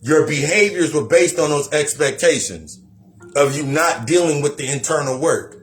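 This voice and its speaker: A man's voice: on the high side, moderate pace, slight background noise. A man giving a blunt, profane spiritual self-help monologue, repeating phrases and talking straight to the listener. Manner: preachy, talks straight to the listener.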